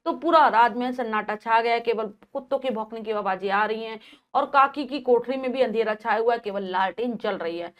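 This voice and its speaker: A woman's voice: fairly high pitch, brisk. Woman teacher paraphrasing a play. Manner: paraphrasing and explaining each line. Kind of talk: explaining a play lesson.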